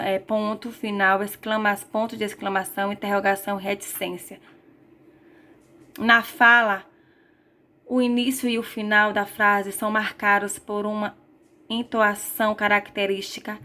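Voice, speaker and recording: A woman's voice: mid-range voice, bright, forceful tone. A Brazilian woman teacher giving a recorded grammar lesson, reading from slides and sometimes correcting herself as she goes. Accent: Brazilian Portuguese. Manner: reads slides aloud with self-corrections.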